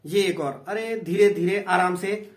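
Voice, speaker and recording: A man with an Indian accent voicing a kindly old man who mutters gently to himself. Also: sits high, unhurried, roomy sound. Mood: content.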